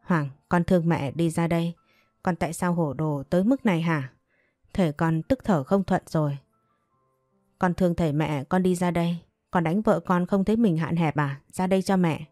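A woman's voice: on the low side, moderate pace, darkish tone, dry recording, studio quality, soft background music, lightly acted. A woman voicing a weeping, gasping older mother who pleads with her son, in a read-aloud story. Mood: tearful pleading. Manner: pleading through sobs.

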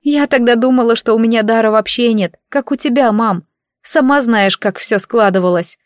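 A woman's voice: fairly high pitch, moderate pace, no echo, clean studio sound, natural voice. A woman reading the lines of a tearful teenage girl from a village who keeps crying while she talks. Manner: sobbing, pleading.

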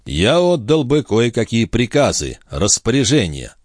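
A man voicing a calm, imposing male sorcerer guest in an audiobook. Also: mid-range voice, a little slow, no room sound, clean studio sound.

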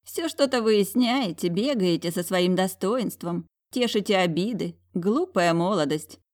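A woman's voice: mid-range voice, lively intonation, measured pace, darkish tone, natural voice. A woman voicing a stern old dragoness aunt who scolds and grumbles at her nephew. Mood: grumbling.

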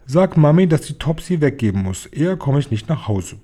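A man's voice: a little high, sing-song, a little fast, dark tone, pitched above the performer's own voice. A man doing a cheeky boy-mouse. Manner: chirpy, cheeky.

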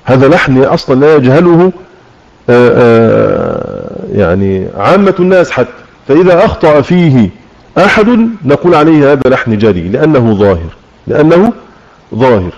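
A man with an Egyptian accent teaching a religious lesson, explaining with questions to his listeners and slowing down to demonstrate recitation. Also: mid-range voice, very animated, gravelly, a little mellow. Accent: Egyptian Arabic. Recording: muffled lo-fi online audio room.

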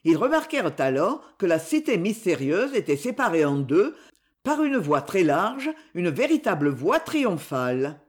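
A woman narrating an old adventure novel aloud, reading with lively expression. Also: on the low side, measured pace, slightly rough. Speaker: audiobook reader. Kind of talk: scripted narration.

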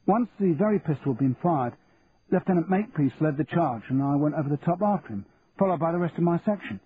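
A man's voice: on the high side, expressive, fast, pitched above the performer's own voice, natural voice. Man playing earnest young soldier. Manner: earnest, respectful, plain-spoken. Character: young male lance corporal, earnest and honest. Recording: tinny phone-like, faint hiss.

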